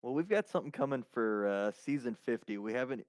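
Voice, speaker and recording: A man's voice: medium pitch, expressive, fast talker, dry recording. A man chatting on a racing stream as co-host, teasing his partner in a laid-back, dry way. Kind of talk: casual chat on a racing stream.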